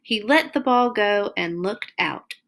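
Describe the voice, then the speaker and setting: A children's storyteller hosting a read-along reads a picture book aloud slowly, with swooping pitch and very expressive, exaggerated emphasis for young kids. Background noise can be heard.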